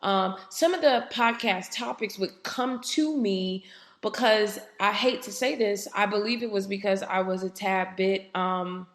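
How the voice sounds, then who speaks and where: A woman hosting her own podcast reflects aloud in a solo episode, her middle-range voice slightly raspy from a head cold. She talks casually in a steady tone and often pauses on "um," and the room sounds roomy and echoey.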